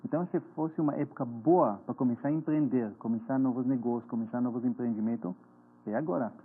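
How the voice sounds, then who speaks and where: Speaking with a husky, mid-range voice, this forties-aged finance author from Israel is a TV interview guest with an Israeli accent. He comes across as earnest and explanatory, slightly halting, and the audio has a thin, phone-like broadcast quality.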